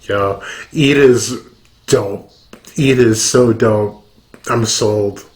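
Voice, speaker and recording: A man's voice: fairly low pitch, extremely slow. A man who is drunk, giving casual reaction commentary full of swearing and slang. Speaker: YouTube reaction host.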